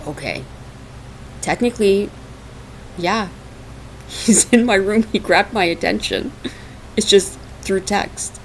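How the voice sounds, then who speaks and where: A minister from Portugal hosts a spiritual podcast, chatting casually with frequent laughter and lots of fillers. Her medium-pitched voice has lively intonation and a slow pace with frequent pauses. She records on a laptop microphone resting on her lap in a dark, hot room at home, giving a low-quality, raw recording with faint hiss.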